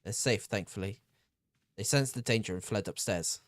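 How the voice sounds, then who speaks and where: A man voicing an earnest loyal ally who reports news in a measured way. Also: on the low side, close to an everyday voice.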